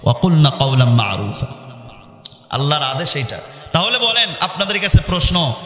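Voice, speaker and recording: A man preaching an Islamic sermon, chanting and singing verses and shouting questions to the crowd. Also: on the high side, lively intonation, normal speed. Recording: echoey hall with long reverb, faint music.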